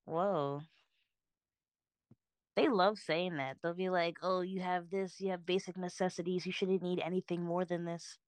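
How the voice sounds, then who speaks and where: A young woman hosting a casual podcast, relaxed and encouraging as she asks her guests questions. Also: fairly low pitch, a little slow, clean tone, no echo. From United States. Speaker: podcast host.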